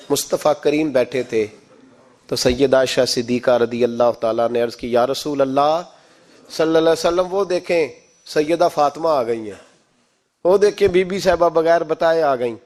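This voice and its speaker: A man's voice: on the high side, darkish tone. A man with a Pakistani Urdu accent preaching a sermon, impassioned and emphatic, acting out voices from the stories he tells. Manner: impassioned, rising to emphatic peaks, quoting figures in stories.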